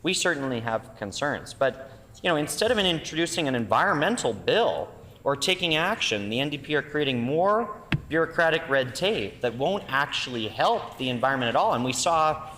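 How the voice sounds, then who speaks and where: A man's voice: on the high side, big pitch swings, normal speed, bright, forceful tone. A man with a Canadian accent giving a combative, critical, emphatic speech as an opposition legislator. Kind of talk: parliamentary debate speech. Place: large indoor legislative chamber. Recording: reverberant legislative chamber.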